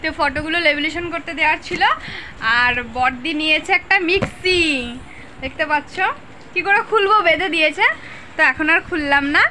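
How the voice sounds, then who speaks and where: A woman's voice: sits high, brisk, sharp tone. A woman vlogging casually, chatting with her viewers as friends while out on the streets and at a market. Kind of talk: casual vlog narration. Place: outdoors on busy streets and a market. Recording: noisy street with crowd. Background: traffic and crowd noise.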